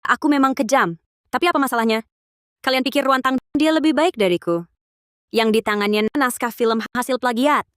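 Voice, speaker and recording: A woman dubbing a spiteful, scheming young woman in a dubbed drama, scornful and sharp, recorded on a dry studio mic. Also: on the high side, fairly quick, no room sound, natural voice. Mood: defiant. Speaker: spoiled jealous sister. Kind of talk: dubbed short-drama acting.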